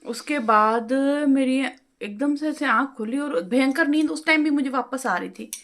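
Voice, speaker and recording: A middle-aged woman vlogger chatting at home, talkative and quick with her words. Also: high-pitched, a bit bright. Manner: talkative, fast-talking. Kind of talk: casual home vlog chat. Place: home, balcony and kitchen.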